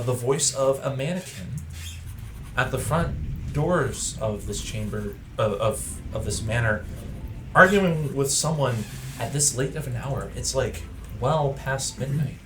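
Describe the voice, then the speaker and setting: A man working as game master, narrating an atmospheric tabletop story with measured, dramatic pauses. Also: medium pitch, animated, a bit bright, slight background noise.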